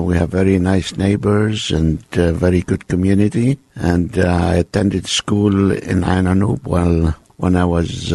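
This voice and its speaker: Older Lebanese-born man, deep voice, dry sound, plain unhurried guest. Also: creaky, mellow, no echo. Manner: plain, unhurried, with short agreeing replies. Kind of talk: casual interview chat.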